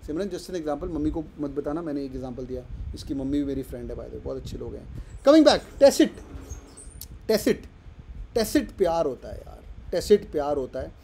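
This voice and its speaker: A man's voice: on the high side, gravelly, warm tone, slight background noise. A man teaching vocabulary in an online class, playful and teasing, switching between explanation and little skits of his students.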